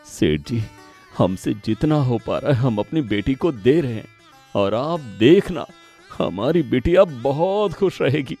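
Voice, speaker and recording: Poor village father, a man playing it, worried, earnest, lively pitch. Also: unhurried, soft background music.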